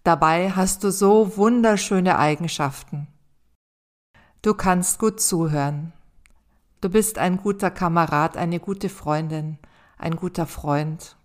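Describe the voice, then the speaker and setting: Slow, calm woman giving gentle advice. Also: on the low side. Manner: calm, addresses the listener directly as "du"; gentle and encouraging, gives step-by-step exercises. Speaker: self-help podcast host. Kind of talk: scripted advice monologue.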